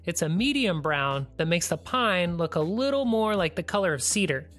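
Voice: medium pitch, animated, moderate pace, a bit bright. A DIY channel host giving a plain, practical, step-by-step tutorial voice-over.

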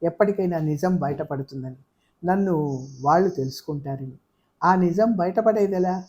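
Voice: medium pitch, moderate pace, darkish tone, lightly acted. A reader voicing a hurt young man who pleads bitterly in an audiobook of a novel. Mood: anguished. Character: wounded young man pouring out grievances. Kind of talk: audiobook character voice.

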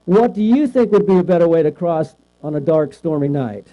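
A man's voice: a little high, animated, a little fast. A man teaching a Bible class in a conversational way, often asking the class questions and checking in with "right?". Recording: lo-fi recording with mains hum.

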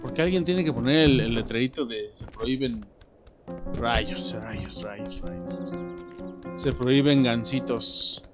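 A young man with a Mexican accent giving joking, animated let's play commentary, talking to himself and his viewers as he plays. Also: medium pitch, slow, highs cut off. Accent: Mexican Spanish. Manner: animated, jokey, talks to himself and viewers while playing. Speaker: gameplay commentator. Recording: background game music.

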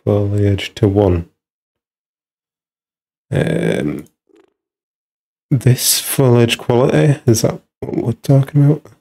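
A man's voice: medium pitch, big pitch swings, takes it slowly, vocal fry, pauses often, mellow. A man giving casual, musing commentary while streaming a video game, talking half to himself as he tinkers with settings.

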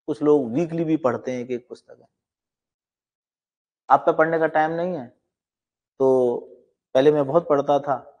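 A middle-aged man coaching law exam students with an earnest, emphatic motivational talk that swings between emphatic rises and quiet asides. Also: mid-range voice, muffled recording.

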